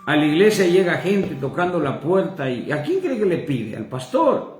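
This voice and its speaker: A man's voice: a little high, very animated, normal speed, darkish tone. A man with a Mexican accent preaching a sermon as pastor, impassioned and calling listeners brother. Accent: Mexican Spanish. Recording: echoey room with faint guitar music.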